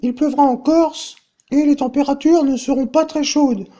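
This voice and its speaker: A woman's voice: high-pitched, steady tone, moderate pace, warm tone, highs cut off, lightly acted. A woman playing an offhand, matter-of-fact TV weather presenter in a parody bulletin.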